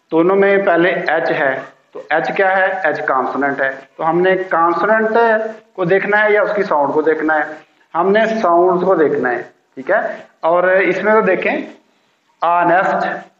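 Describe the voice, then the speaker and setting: Man teaching grammar. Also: a little high. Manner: patient, repeats key words slowly. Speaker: English teacher. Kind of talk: classroom grammar lesson. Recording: roomy, dull lo-fi sound.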